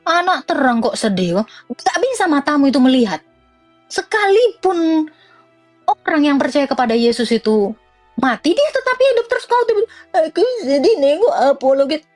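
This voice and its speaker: Young woman, high voice, blunt mocking commentary, dry close sound, faint music behind. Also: normal speed, dry recording. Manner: blunt, mocking and animated, with laughs and swings of pitch. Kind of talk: informal religious commentary rant.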